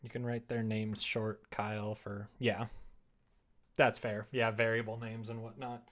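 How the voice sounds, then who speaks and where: A man livestreams his work on a visual novel, speaking unhurriedly in a lowish, flat but fairly bright voice. His casual talk rambles as he thinks aloud in a self-deprecating manner.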